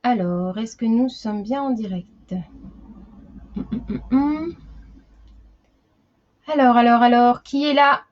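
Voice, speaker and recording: A woman's voice: on the high side, slow, pauses often, highs cut off. A woman teaching a live online class for young children, chatty, greeting each child by name.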